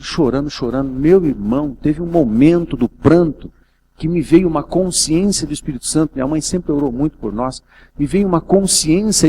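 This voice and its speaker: A gravelly, slightly high-pitched man from Brazil preaching a sermon as a pastor. He tells a personal story and builds to emotional intensity. A faint hiss sits under the recording. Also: a little mellow. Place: event hall.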